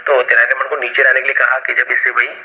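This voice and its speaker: A man with an Indian accent teaching English, reading a story slowly line by line and explaining each word in Hindi. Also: medium pitch, monotone, bright, forceful tone, a little hiss or hum, low-quality recording.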